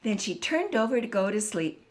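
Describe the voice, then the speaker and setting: A woman reading a children's picture book aloud, slow and expressive, with playful animal noises. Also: medium pitch. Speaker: storyteller.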